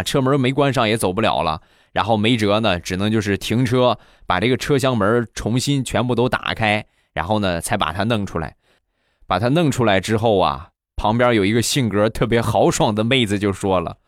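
A man hosting a comedy show, telling funny anecdotes in a chatty, animated manner and acting out the voices. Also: fairly low pitch, no room sound, studio quality. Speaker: comedy host. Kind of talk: comic storytelling.

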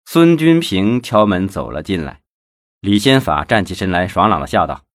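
A man narrating an audiobook in a measured, steady way on a close microphone. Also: low voice, no room sound.

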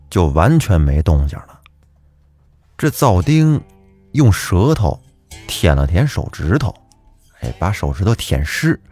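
Guy telling an old folk tale, super expressive, quiet guitar playing behind. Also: lowish voice. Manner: lively, animated, acts out the characters' voices. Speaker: storyteller host. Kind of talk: folk-tale storytelling narration.

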